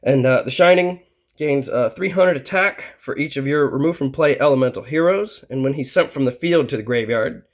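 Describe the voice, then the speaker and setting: A man with a middle-range pitch hosts a relaxed deck profile. He rambles along, dropping fillers and short chuckles as he explains each card. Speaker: channel host presenting a card deck. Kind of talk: casual deck profile talk.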